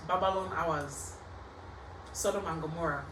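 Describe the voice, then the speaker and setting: A young woman hosts a casual banter-style podcast interview, teasing and playful with lots of slangy chat. Her voice sits low and unhurried, picked up by a distant mic in a roomy, off-mic recording with faint background hiss.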